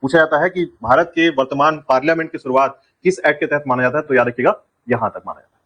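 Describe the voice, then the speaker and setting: A man's voice: on the high side, fast talker, muffled recording. A man teaching an exam-prep lecture, drilling key points and repeatedly telling students to remember them. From India.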